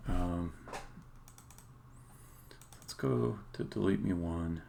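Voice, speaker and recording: Drawing out his words in a low, creaky, warm voice, a man streaming his game development work muses hesitantly in casual live-coding commentary. The recording has faint noise along with keyboard typing and clicking.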